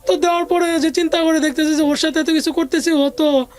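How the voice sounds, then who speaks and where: Her voice is high, steady, brisk, and darkish in tone. She is a Bangladeshi-accented woman giving an interview, telling a personal story in colloquial Bengali with a few English business words mixed in, over background music.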